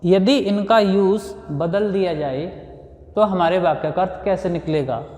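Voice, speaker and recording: Indian guy teaching grammar to kids, slow and patient, highish voice, echoey classroom sound. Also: darkish tone. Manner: patient, explanatory, repeats and restates points. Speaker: school teacher. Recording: echoey room with long reverb.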